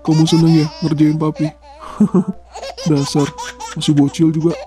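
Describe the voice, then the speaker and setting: A young performer voicing a young father who fusses over his crying baby son in a fan drama, talking in soft, coaxing baby talk. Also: medium pitch, level tone, fairly quick, close to an everyday voice. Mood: amused. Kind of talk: amateur game-animation drama voicing. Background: background music.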